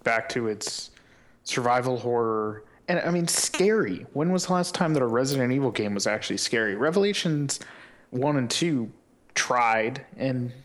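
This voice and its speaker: A man with a middle-pitched voice chats on a casual podcast. He talks eagerly and at length, with plenty of uhs and restarts. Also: normal speed. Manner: enthusiastic, animated opinions with frequent fillers. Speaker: podcast co-host.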